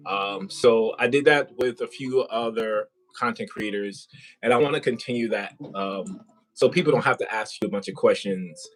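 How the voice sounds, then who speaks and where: A man's voice: fairly low pitch, moderate pace, a little hiss or hum, low-quality recording. A man hosting a casual live interview, chatty and rambling with many fillers. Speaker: host. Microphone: compact wireless mic.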